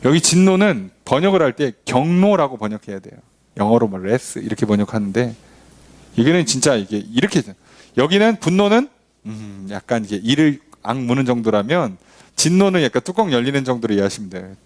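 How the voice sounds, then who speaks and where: A man's voice: mid-range voice, a little fast. A man, a pastor leading a Bible study, teaching in a casual, conversational way, asking rhetorical questions and acting out quoted voices. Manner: animated, acts out quoted voices, asks the congregation questions.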